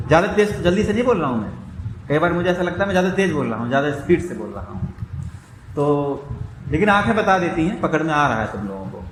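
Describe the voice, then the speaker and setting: Animated male Sanskrit grammar teacher. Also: sits high, a little hiss or hum. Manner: explains step by step, checks understanding often. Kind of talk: classroom lecture. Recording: echoey room with long reverb.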